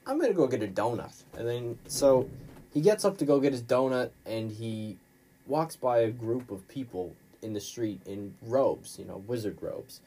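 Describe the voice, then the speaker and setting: A man's voice: medium pitch, measured pace, warm tone, slight background noise. A male podcast host giving a casual, rambling recap of a chapter in informal, slangy storytelling.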